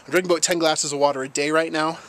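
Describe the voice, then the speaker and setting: A man's voice: fairly high pitch, fairly even intonation, racing, fairly bright tone, slight background noise. A young man chats casually to a handheld camera outdoors, rambling jokily and repeating his phrases. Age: young adult. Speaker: vlogger. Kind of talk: casual vlog chat to camera. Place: outdoors in a snowy backyard in winter. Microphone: handheld camera at arm's length.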